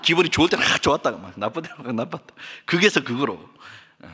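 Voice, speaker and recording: A man's voice: mid-range voice, very animated, fast, sharp tone, breathy edge. A man, a pastor, delivering an impassioned sermon that rises and falls, recorded in a church sanctuary. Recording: long church reverb.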